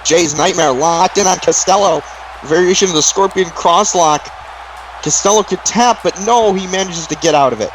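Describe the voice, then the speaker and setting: A man with a slightly high voice calls a wrestling match live as a commentator. He exclaims at the moves and counts near falls, over clear background noise from the venue. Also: normal speed, poor audio.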